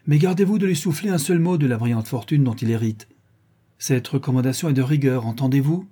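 A man's voice: medium pitch, a little fast, mellow, breathy edge, lightly acted. A man reading as a stern, sly old count. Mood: authoritative. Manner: dry, commanding, sly. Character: stern but kindly aging count, governor. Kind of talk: audiobook reading.

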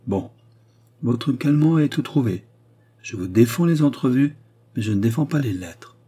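A man reading an audiobook voices a shrewd, scheming countess who speaks in a sharp, peremptory, blunt way. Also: mid-range voice, animated, normal speed, breathy edge. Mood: brisk.

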